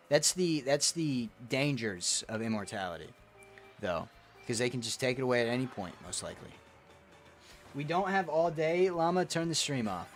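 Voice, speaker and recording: A young man with a medium-pitched, fairly bright voice streams a kart racing game. He reads the chat out loud and fires back with crude, profane banter in a casual gaming stream.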